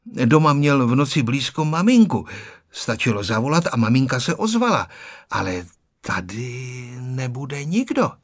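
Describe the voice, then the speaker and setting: A man reading a children's storybook aloud with animated, lively intonation. His voice is slightly husky and sits in a middle register. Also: medium pitch, dry recording, clean studio sound. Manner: expressive, storytelling. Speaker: audiobook narrator. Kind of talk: scripted children's story narration.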